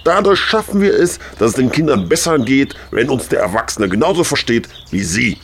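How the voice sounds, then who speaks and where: A man's voice: medium pitch, very animated, a little fast, slight background noise. A man voicing a distant heavenly boss who is weary, sighing and crafty. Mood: wheedling.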